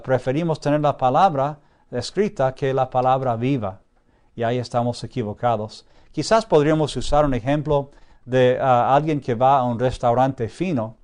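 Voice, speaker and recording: A man teaching a Bible class, pausing on drawn-out "ah" fillers, slowing down to stress key phrases and checking in with his listeners with a questioning "sí". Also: mid-range voice, darkish tone. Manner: frequent drawn-out "ah" fillers while thinking. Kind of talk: classroom lecture.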